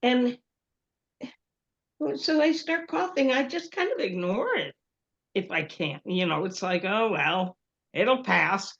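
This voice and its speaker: A woman chats in an easygoing way, telling a story full of laughs and little acted-out quotes. Her voice sits at an average pitch. The audio sounds a bit dull and lo-fi. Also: animated, slow, pauses often, fairly bright tone. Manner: chatty storyteller, laughs often, acts out quotes. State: prone to coughing. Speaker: group member. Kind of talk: casual group chat.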